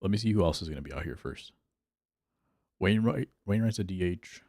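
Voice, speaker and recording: Low, gravelly-voiced male streamer. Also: fairly quick, dry recording, clean studio sound. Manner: thinks aloud, reads and answers chat, relaxed. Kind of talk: casual gameplay livestream chat.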